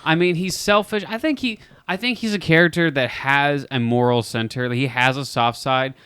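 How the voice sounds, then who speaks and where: A man's voice: a little high, moderate pace, fairly bright tone, smooth, no room sound. A man co-hosting a casual podcast chat, giving strong, emphatic opinions. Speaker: podcast co-host.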